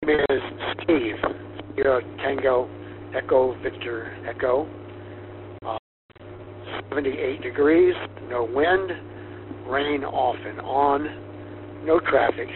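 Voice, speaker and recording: A man's voice: mid-range voice, slow, long pauses. A man checking in over two-way radio as a caller, in terse, clipped phrases. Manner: clipped phrases, spelling phonetically. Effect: two-way radio transmission. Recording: noisy narrow radio, static and hum. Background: static and hum.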